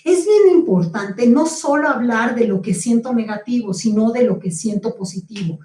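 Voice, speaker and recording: A woman's voice: a little high, normal speed, mellow. A middle-aged woman giving a lecture on personal development, explaining patiently and often checking in with her audience. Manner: explanatory, addresses audience with frequent check-ins. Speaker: speaker on communication. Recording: roomy, distant from the mic.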